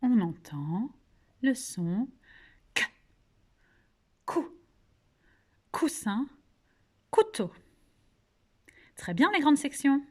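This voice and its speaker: A woman with a French accent teaches little children over video, taking her time with every word. She speaks in a measured, unhurried rhythm and articulates each syllable with care. She asks patient questions and praises the answers. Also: high voice, very animated, husky. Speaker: kindergarten teacher. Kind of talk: remote phonics lesson for young children.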